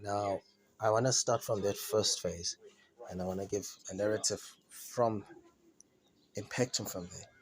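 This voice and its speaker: A man giving an informal lecture on history, halting often with restarts and checking that listeners understand. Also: fairly low pitch, steady tone, rough recording. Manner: repetitive, halting with many restarts; asks "do you understand?".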